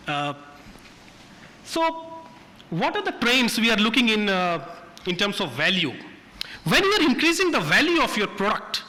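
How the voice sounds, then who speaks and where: A man's voice: high voice, pushed and bright. A man giving a conference presentation, his voice fuzzy and distorted. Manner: lecturing to an audience. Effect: fuzzy distorted sound. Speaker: conference speaker, industry leader. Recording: distorted mic in a reverberant hall.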